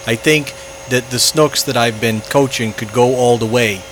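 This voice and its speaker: A man's voice: mid-range voice, moderate pace, a loud crowd, close to an everyday voice, poor audio. A man voicing an eager male fish coach who trains a basketball team, in a put-on New York accent. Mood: boastful. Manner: boastful, rambling.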